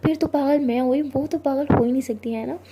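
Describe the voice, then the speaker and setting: A woman voicing a bossy, flustered young female office boss who snaps back defensively in quick banter. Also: high voice, warm tone, slight background noise.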